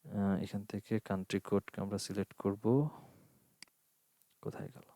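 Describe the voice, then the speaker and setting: In a low-leaning, warm voice with a flat delivery and moderate pace, a man walks through a screen-share tutorial for an online course. He covers each screen step in order, poses rhetorical questions to himself and slips in English words. The studio recording is clean, with no echo.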